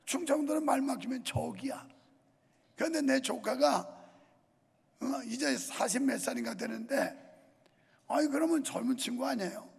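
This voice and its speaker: A man's voice: very high voice, moderate pace, pauses often. An older man with a Chungcheong Korean accent, preaching a sermon in a folksy storytelling way with comic dialect imitations. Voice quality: gravelly, husky. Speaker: pastor. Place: large church sanctuary. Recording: reverberant church hall.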